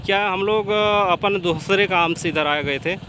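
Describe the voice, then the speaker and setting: A young man with a high, light voice gives running commentary while riding a motorbike down country roads. He talks casually and keeps checking in with his viewers, calling them brother. Steady road and engine noise fills the outdoor recording. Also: a little slow. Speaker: motorbike travel vlogger.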